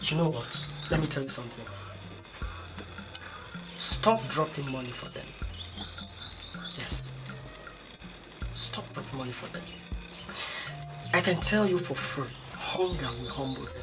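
A woman's voice: extremely low pitch, animated, unhurried, long pauses. Lady playing insistent nigerian wife, fed up, distant roomy audio with music under it. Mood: advising. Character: blunt wife, fed up with her husband. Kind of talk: Nollywood film dialogue. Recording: echoey room from far off with music.

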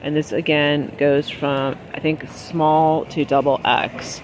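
A woman filming a casual shop-with-me vlog in a large warehouse store. She chats as she goes, reads prices aloud and drops quick excited exclamations. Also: sits low, slight background noise. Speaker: shopping vlogger. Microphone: handheld phone camera while shopping.

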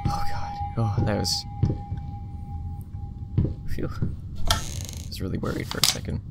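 A man giving casual, jumpy commentary while playing a horror game, mumbling, swearing, and shouting at the game. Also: on the low side, flat delivery, unhurried, gravelly, over loud music. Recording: loud background noise.

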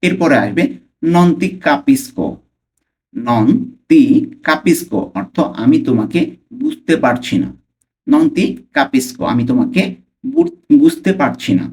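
A man with a Bangladeshi accent teaching Italian phrases, repeating each one slowly and carefully. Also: mid-range voice, wildly swooping pitch, darkish tone. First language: Bengali. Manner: slow, careful repetition of phrases. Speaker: language teacher. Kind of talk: Italian lesson for Bengali speakers.

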